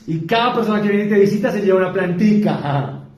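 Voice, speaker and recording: Colombian male pastor, warm mellow voice, mid-high pitch, sermon in an echoey church hall. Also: expressive. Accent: Colombian Spanish. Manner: swings between fast emphatic repetition and slow quiet asides; asks the congregation questions. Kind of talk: evangelical sermon.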